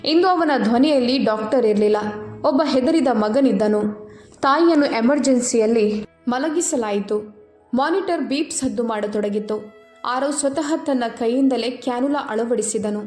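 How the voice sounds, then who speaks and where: A woman storyteller reads a moral tale in a steady, emotive narration. Her voice sits fairly high and rings in an echoey room, with faint music running underneath. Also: a little slow.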